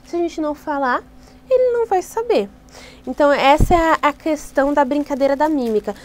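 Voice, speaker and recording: A woman's voice: high voice, animated, brisk, a little mellow. A Brazilian woman training Sunday school teachers in a chatty, explanatory way, often restarting and adding tag questions. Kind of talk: informal teaching tutorial.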